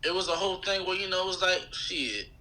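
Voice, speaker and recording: An American rapper in his thirties, appearing as an interview guest, chats casually in a slangy, conversational style. He talks fast in a high, expressive voice that sounds pushed and bright, though the audio quality is poor.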